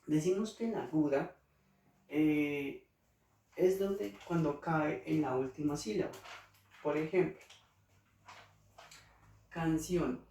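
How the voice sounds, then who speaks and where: A man's voice: on the high side, slow, long pauses, warm tone. A male teacher with a Colombian accent explaining spelling rules to children, patiently repeating each example word. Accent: Colombian Spanish. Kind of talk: slow classroom explanation to children. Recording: roomy, distant mic, faint noise.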